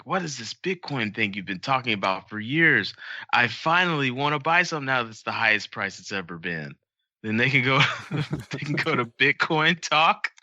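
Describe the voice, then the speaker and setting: A man's voice: on the low side, bright, forceful tone, dry recording, muffled recording. A man hosting a casual podcast, chatting loosely with many ums and restarts. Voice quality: frequent ums, loose rambling delivery. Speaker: podcast host.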